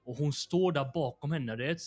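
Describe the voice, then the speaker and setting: A man's voice: a little high, a little mellow, breathy edge. A young man, a podcast host telling a long story in a rambling, slangy way full of fillers.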